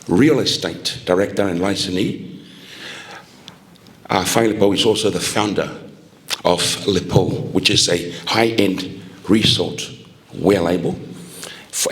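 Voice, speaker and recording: A man working as an event MC, reading formal introductions haltingly, with hesitations and restarts. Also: low-pitched, a bit bright. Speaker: event MC introducing pageant judges. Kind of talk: formal scripted announcing.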